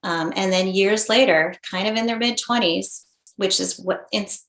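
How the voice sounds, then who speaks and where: A woman in her forties, a mother and interview guest, telling a personal story in an earnest, halting way with many restarts. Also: mid-range voice, fairly bright tone. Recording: roomy echo.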